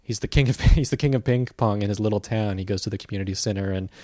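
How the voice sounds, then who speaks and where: A man with a fairly low voice talks through films in a relaxed, conversational way. He is thoughtful and hesitant, often restarting with "uh" and "um." The recording is close and dry. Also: fast, dry recording. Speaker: film critic reporting from a festival. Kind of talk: casual conversational review.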